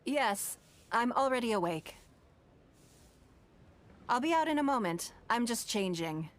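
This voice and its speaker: A woman voicing a poised, shrewd, wealthy businesswoman in a video game, speaking in a calm, measured, elegant way. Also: fairly high pitch. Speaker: game character.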